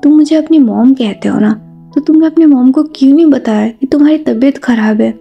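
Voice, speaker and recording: A woman's voice: high voice, fairly quick, creaky, muffled recording, faint music behind. A woman doing a stern, worried scolding mother. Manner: scolding, insistent. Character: stern worried mother, protective and quick to anger.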